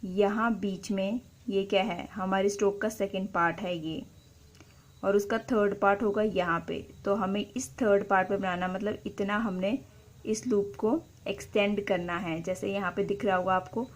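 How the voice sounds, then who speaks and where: A woman teaching a shorthand class as a voice-over. She explains each step patiently and repeats the example words slowly. Her pitch sits in an ordinary middle range. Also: steady tone.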